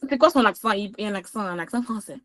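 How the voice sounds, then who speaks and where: A woman from Quebec with a Québécois accent, chatting as a podcast guest and comedian, animated and laughing often with big swings in her voice. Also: medium pitch, quick pace. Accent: Québécois French. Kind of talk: casual interview chat.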